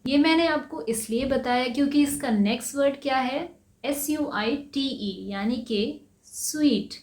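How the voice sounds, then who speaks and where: A woman with a somewhat high voice runs a pronunciation lesson. She asks her own questions and answers them, saying each word slowly and more than once. The room sounds echoey. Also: a little mellow. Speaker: English pronunciation teacher. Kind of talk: Hindi-language pronunciation lesson.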